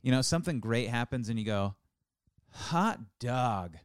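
A man's voice: medium pitch, animated, fast, clear, resonant tone, no echo, studio quality. A man in his forties co-hosting a podcast, chatting casually with playful teasing and rambling restarts. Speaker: podcast co-host. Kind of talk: casual chat.

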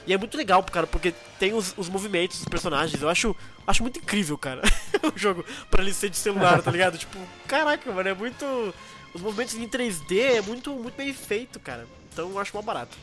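A young man with a Brazilian accent chats casually on a podcast. He speaks rapidly in a fairly high voice, with plenty of slang and enthusiasm, over faint music. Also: lively intonation. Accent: Brazilian Portuguese. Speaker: podcast co-host. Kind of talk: casual chat.

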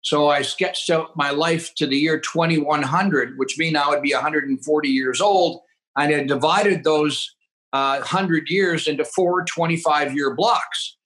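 A man in his fifties from northeastern Alberta, Canada, appears as a podcast guest and agriculture entrepreneur, explaining things conversationally in a Canadian accent. His voice is on the high side, unhurried, and a bit bright, captured in a rough recording.

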